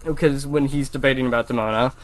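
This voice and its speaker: A man's voice: mid-range voice, steady tone, fast. A man co-hosting a podcast in casual chat, rambling with fillers and restarts, with a slight lisp. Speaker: podcast co-host.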